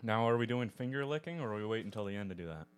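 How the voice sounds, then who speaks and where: A man's voice: fairly low pitch, lively intonation, very fast, smooth. A man from Arizona co-hosting a casual podcast while eating hot wings, easygoing and jokey, close on the mic in a podcast studio. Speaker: podcast co-host.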